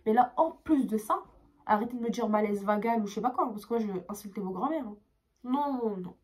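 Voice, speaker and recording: A young woman telling a storytime vlog, tired, expressive and swearing as she acts out her dialogue. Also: on the high side, brisk. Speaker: vlogger.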